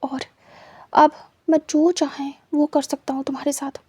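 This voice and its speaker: A woman voicing a menacing, possessive young man who gloats and threatens in a quiet, low voice for a storybook reading. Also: level tone, unhurried, no echo. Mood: taunting.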